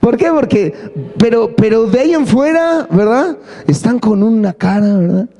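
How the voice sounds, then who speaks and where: At a church service, an adult male pastor delivers a lively, playful sermon full of jokes, often calling on the congregation for amens. His voice is very high-pitched, animated and mellow, at normal speed.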